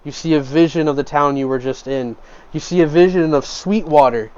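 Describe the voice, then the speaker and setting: A man's voice: a little high, brisk, a little mellow, smooth, dull audio. A man narrating a tabletop game as game master, describing scenes at length with frequent fillers.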